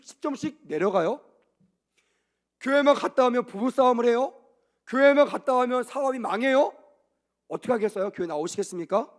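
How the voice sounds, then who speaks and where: A young man preaching a sermon as pastor, questioning the congregation and acting out quotes with dramatic swings in loudness. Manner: lively, dramatic, acts out quotes with big jumps in pitch and volume; talks directly to the congregation with questions.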